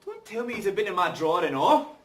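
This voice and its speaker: A wronged working-class man, acted by a man in a rehearsed play reading, scornful and accusing in colloquial speech. His mid-pitched voice sits away from the mic with some background noise. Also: animated, fairly quick, fairly bright tone, distant mic, close to an everyday voice. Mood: angry, scornful. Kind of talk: rehearsed stage reading of a drama.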